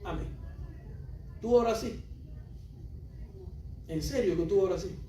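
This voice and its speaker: Male preacher, high voice, emphatic and repetitive, recorded off-mic in an echoey church hall. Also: normal speed, warm tone, a little hiss or hum. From Cuba. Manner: emphatic and repetitive, questions the congregation directly. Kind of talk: sermon. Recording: roomy hall, voice from a distance.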